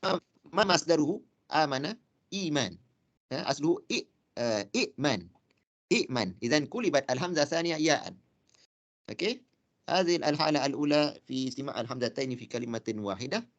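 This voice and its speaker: A man teaching Arabic grammar in a lecture. He talks haltingly, with many fillers, and repeats words slowly. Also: on the high side, animated, dull audio. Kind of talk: classroom lecture.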